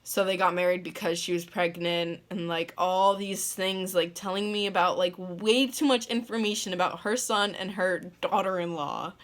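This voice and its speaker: A young woman from the northeastern US rambling through a story in a casual vlog, full of "like" and quick laughs. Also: lowish voice, fairly even intonation. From northeastern United States. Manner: rambling, lots of "like", laughs mid-sentence. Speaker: vlogger.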